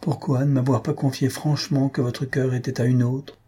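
A man voicing a gentle, composed young woman who speaks softly in a read-aloud story. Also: mid-range voice, flat delivery, normal speed, husky.

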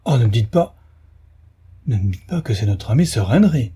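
A man's voice: medium pitch, moderate pace, dark tone, slightly rough, close to an everyday voice. A man reading an audiobook aloud, voicing a wary male naturalist who asks probing, overly polite questions. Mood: anxious. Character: smooth, wary male naturalist hiding alarm.

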